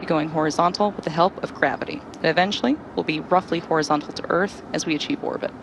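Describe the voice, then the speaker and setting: Woman, live technical commentary, slightly low voice, creaky edge, faint background noise. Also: fast. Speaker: launch webcast host.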